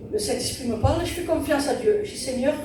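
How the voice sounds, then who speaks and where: A woman's voice: high-pitched, fast, background noise. A woman giving an earnest testimony at a church service, retelling events through a string of repeated "I said" and "he said". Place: church hall during a service. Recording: very echoey hall, distant mic, music behind.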